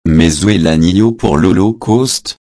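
A man giving a measured, deliberate reading of scripture, even reading out the footnotes. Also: low-pitched, no room sound, studio quality. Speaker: scripture reader.

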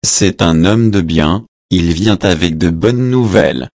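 A man's voice: low-pitched, unhurried, a little mellow, no room sound, clean studio sound. A man reading the lines of an old king who mourns his son, in his own plain reading voice.

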